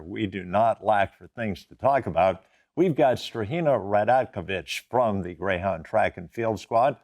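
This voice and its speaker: Low-voiced sports show host. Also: male voice, darkish tone. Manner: scripted, announcer-like delivery. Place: TV studio set.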